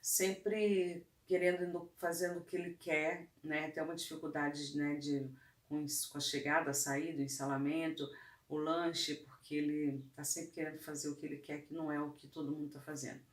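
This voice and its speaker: A woman's voice: deep voice, flat delivery, moderate pace. A woman teacher and clown artist chatting casually, telling classroom stories with lots of tag questions. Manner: storytelling, conversational, frequent tag questions. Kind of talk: casual talk about teaching. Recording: roomy room, distant mic.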